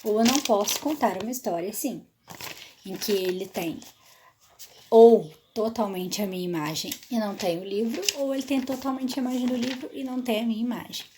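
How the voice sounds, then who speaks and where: A woman's voice: a little high, brisk, noisy background. A woman teacher explaining storytelling tips step by step, often checking in with "certo?", and having some trouble with her voice. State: voice trouble, pauses to drink water.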